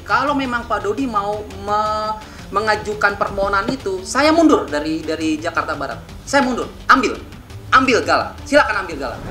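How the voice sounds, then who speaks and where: An older man recounts events in an interview, stumbling and restarting as he goes and rising in pitch when agitated. The room rings with echo, and music plays clearly beneath him. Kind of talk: emotional interview retelling. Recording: echoey room with background music.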